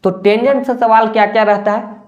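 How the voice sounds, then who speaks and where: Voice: medium pitch, fairly even intonation, a little fast, darkish tone, muffled recording. A maths teacher explaining in a classroom style, repeating key terms, asking rhetorical questions and checking in with short tag questions.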